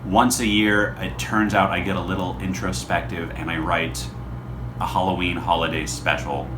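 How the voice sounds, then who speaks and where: A man with a low, flat voice speaks at normal speed, rambling to camera as host of his show. The casual unscripted vlog is introspective and self-deprecating, filmed in a hotel room by someone else holding the camera. The echoey room carries faint background noise.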